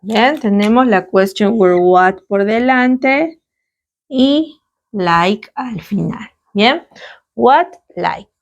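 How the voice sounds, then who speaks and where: Slow, careful woman English teacher. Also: medium pitch, animated. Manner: slow, careful model pronunciation with frequent checking "¿sí?". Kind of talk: language lesson in Spanish, drilling English phrases.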